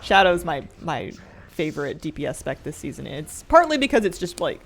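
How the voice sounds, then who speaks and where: Female game livestreamer, animated intonation, playful casual chat, light music underneath. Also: sits low, normal speed. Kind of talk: casual livestream chat with viewers while gaming.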